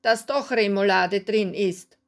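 A woman's voice: mid-range voice, measured pace, close to an everyday voice. A woman voicing an indignant, fussy middle-aged male customer in a read-aloud story. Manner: indignant, insistent.

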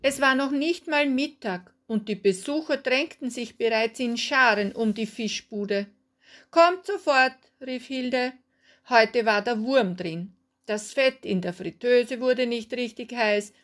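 A woman narrating a story in a calm, even read-aloud manner. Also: a little high, measured pace.

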